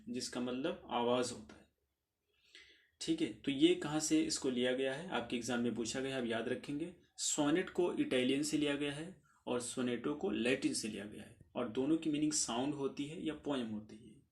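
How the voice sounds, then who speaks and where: A man teaching a literature lesson for exam preparation, reading English definitions slowly and then explaining them, now and then clearing his throat and correcting himself. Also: mid-range voice.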